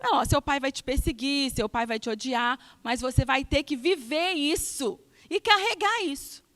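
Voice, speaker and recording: A woman giving a sermon testimony in church, earnest and emphatic, moving between soft and loud passages. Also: high voice, normal speed, dry recording. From Brazil.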